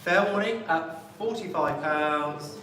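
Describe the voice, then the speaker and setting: A man auctioneering at a live sale has a fairly high, sharp-toned voice and a slow pace. He politely calls out lots and echoes the bids in a rhythmic chant, heard through a distant mic in a very echoey room with faint noise.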